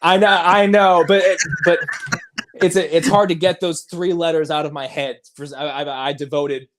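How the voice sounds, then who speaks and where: A man's voice: on the high side, steady tone, moderate pace, background noise. A man hosting a casual livestream movie chat, rambling with frequent chuckles. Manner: rambling, laughing often. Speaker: host.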